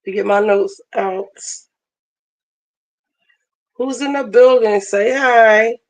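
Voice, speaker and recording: A woman with a hoarse voice chatting casually on a livestream while she cooks in her kitchen. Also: fairly high pitch, takes it slowly, muffled recording. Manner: chatty, multitasking while cooking. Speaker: livestream host. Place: home kitchen, running water. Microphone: phone camera.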